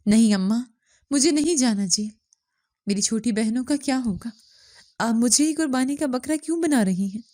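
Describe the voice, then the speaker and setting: A woman's voice: on the high side, warm tone, lightly acted. A woman doing a frightened teenage girl. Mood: pleading. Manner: pleading, tearful.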